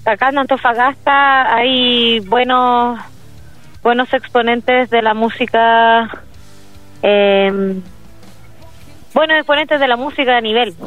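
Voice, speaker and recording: A Chilean-accented woman, a solo musician, is an interview guest on a casual call about her project, with her fairly high voice coming through a dry, tinny, phone-like line. She speaks slowly in a steady tone and pauses often, hesitating with fillers and restarts. Soft music plays in the background of the otherwise dry recording.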